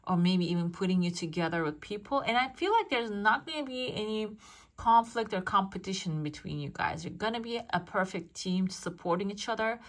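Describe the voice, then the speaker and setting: A woman's voice: mid-range voice, a bit bright. A woman speaking as a fortune teller, giving a casual reading straight to the viewer and musing aloud as she interprets. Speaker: fortune teller, channel host. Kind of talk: casual coffee cup fortune-telling reading.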